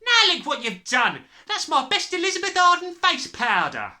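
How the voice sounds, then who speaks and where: A woman voicing a shrill, scornful middle-aged British mother who scolds and nags in a storybook. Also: wildly swooping pitch, moderate pace, bright, forceful tone, full character voice. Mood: shrieking scorn. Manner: shrill, exclamatory, nagging.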